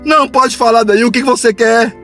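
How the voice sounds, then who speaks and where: A man's voice: extremely high pitch, steady tone, a little fast, sharp tone, soft background music. A man playing a cold, impatient adult son who brushes off his elderly parents curtly. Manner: curt, impatient.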